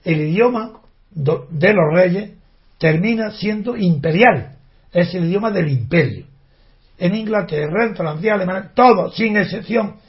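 Older man, high-pitched, holding forth indignantly in a monologue, lots of rhetorical questions and restarts, dull lo-fi sound. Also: animated, unhurried. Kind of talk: opinionated spoken monologue. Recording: dull lo-fi recording.

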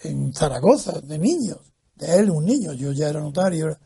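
An older man, interviewed, tells a long personal story and acts out the voices of its characters with animation. His voice is fairly high, gravelly and slightly rough, at a moderate pace.

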